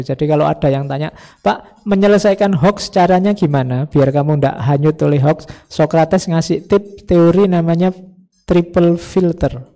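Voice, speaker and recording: A man talks through philosophy in a folksy, joking lecture, slipping into little acted quotes. His voice sits a touch high for a man, with a mellow, dark color and a gravelly edge. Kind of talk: informal religious study lecture.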